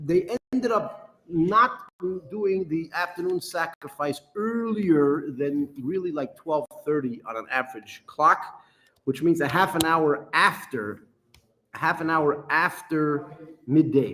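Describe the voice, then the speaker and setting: A man's voice: on the high side, unhurried. A man who is a rabbi giving a rambling Talmud lesson, often asking and then answering his own questions. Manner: repetitive, rambling, asks rhetorical questions. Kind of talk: explanatory lecture.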